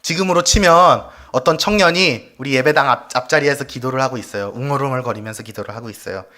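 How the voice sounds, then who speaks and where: In a church sanctuary, a male evangelist preaches a Wednesday service sermon, leading the congregation in reading scripture aloud and posing rhetorical questions to them. He talks fast in a mid-range voice with a sharp tone.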